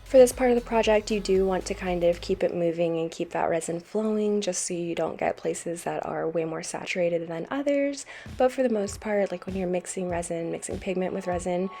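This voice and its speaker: A woman with an American accent talks through a craft tutorial as a voice-over. Her tone is mellow and warm, and she explains each step in a calm, easy way. Soft music plays quietly behind her. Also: fairly low pitch, a little fast. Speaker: craft channel host.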